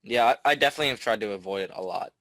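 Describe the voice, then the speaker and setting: A teenage boy co-hosting a podcast in casual chat, rambling with lots of fillers and swearing, often trailing off quietly. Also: on the low side, rapid-fire, no room sound, low-quality recording. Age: teens. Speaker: podcast co-host.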